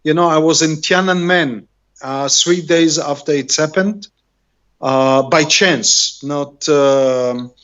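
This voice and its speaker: Man, middle-aged, Israeli accent, native Hebrew speaker, slightly high pitch, rambling and searching for words, casual interview guest, dull video-call sound. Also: slow pace, fairly bright tone.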